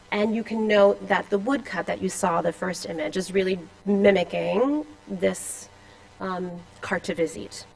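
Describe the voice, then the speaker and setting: A woman's voice: mid-range voice, gravelly, low-quality recording. A woman presenting a scholarly paper at a conference, with a slight Boston accent, reading with casual asides and fillers in a lecture room. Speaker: conference speaker. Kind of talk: academic conference talk.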